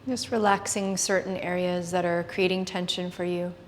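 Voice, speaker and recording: A woman yoga instructor giving guided relaxation in a soft, hushed, gentle and soothing voice, with pauses. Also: fairly low pitch, level tone, a little hiss or hum. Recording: reverberant hall-like room echo.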